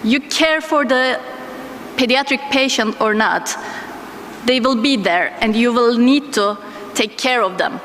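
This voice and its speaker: High-voiced woman lecturing with a sore throat. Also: measured pace, fairly bright tone. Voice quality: thick, strained sore-throat voice. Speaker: conference speaker, emergency physician. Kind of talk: conference lecture. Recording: echoey hall with noticeable background noise.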